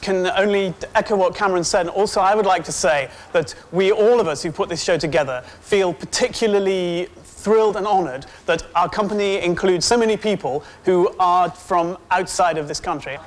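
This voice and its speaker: A man's voice: high-pitched, normal speed, hardly any pauses. A man speaking to a theatre company in a wry, joking way. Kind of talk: speech to a company.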